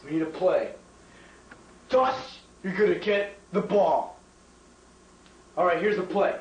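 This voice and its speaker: A man's voice: sits high, expressive, slow pace. A young man doing a comic teacher impression of a hot-tempered basketball coach who scolds and barks orders. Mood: brisk, instructing. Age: young adult. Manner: barking, scolding, emphatic. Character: bossy, hot-tempered male high school basketball coach. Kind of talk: teacher impression, comedy skit. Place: home kitchen. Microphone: camcorder across the room. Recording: roomy, distant, hissy home camcorder.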